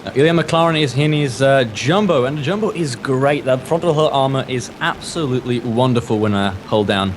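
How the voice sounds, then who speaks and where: Co-commentator, analytical. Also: male voice, medium pitch, expressive, a little fast, hardly any pauses, noisy background. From Slovenia. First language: Slovenian. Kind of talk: live esports commentary.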